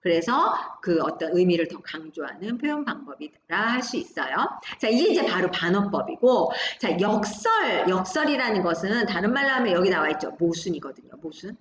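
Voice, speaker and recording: A woman teaching a high school Korean class online, talking students through examples with frequent tag questions. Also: big pitch swings, moderate pace, few pauses, reverberant, highs cut off, a little hiss or hum. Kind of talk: recorded online class lecture.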